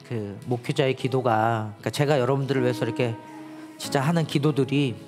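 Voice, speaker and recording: A pastor preaching a Sunday sermon in a conversational way, acting out his prayers and little dialogues, rising and pressing harder when he pleads. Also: medium pitch. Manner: acts out his prayers and dialogues in quoted voices. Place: church worship space.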